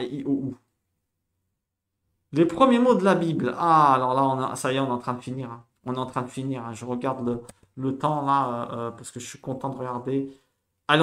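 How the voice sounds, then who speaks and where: A man giving a casual spoken lesson, animated and repetitive, spelling out sounds slowly for learners. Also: mid-range voice. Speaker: Hebrew teacher.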